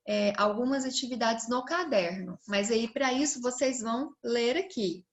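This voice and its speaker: A young Brazilian woman teaching a recorded lesson to children, stretching out words and asking the pupils questions. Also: on the high side. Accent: Brazilian Portuguese.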